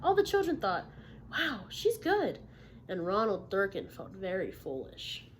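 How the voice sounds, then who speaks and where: A woman reading a picture book aloud to children like a teacher, expressively, pausing to put encouraging questions to her listeners. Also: mid-range voice, huge pitch swings, slight background noise. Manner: encouraging, checks understanding with frequent questions. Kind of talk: interactive storybook read-aloud with questions to the listeners.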